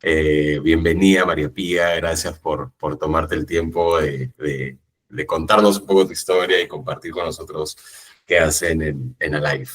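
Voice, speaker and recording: A man's voice: very deep voice, fairly even intonation, moderate pace, fairly bright tone. A man hosting an interview, enthusiastic, with stumbling restarts. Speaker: podcast host.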